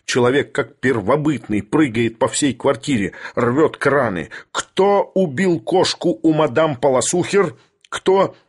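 A man's voice: mid-range voice, unhurried, hardly any pauses, husky. Man doing an imperious old professor. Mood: thundering. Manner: ironic, thundering, lecturing. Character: imperious, irascible older male professor. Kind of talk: audiobook character voice.

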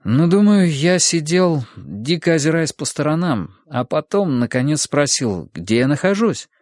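A man reading an audiobook in lively first-person storytelling. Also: fairly high pitch, unhurried, no room sound, studio quality. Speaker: audiobook narrator.

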